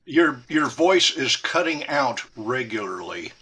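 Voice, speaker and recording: A man comes through on a distant video call connection with a bright, forceful tone. His voice is husky and his delivery is polite and matter-of-fact. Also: mid-range voice, big pitch swings, takes it slowly. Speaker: online participant.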